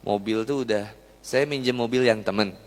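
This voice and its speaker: A man's voice: fairly low pitch, normal speed. A young man, giving a chatty, jokey sermon and asking the crowd questions. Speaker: preacher. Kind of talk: lively sermon to a live audience. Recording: long hall reverb.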